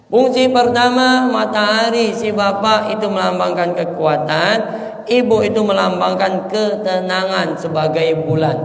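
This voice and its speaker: A man preaching to a congregation, animated and acting out family quarrels in different voices. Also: high-pitched, gravelly. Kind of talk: religious lecture to a congregation. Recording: echoey hall with long reverb.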